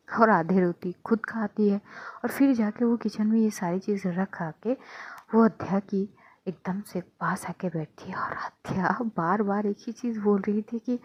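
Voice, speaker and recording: Breathy woman narrating a love story. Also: medium pitch, no echo. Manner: breathy, half-whispered narration. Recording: dull lo-fi dry recording.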